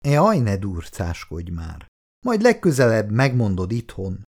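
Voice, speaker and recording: Narrator as a gentle coaxing boyfriend in a storybook, low voice, expressive. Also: male voice, creaky, exaggerated voice.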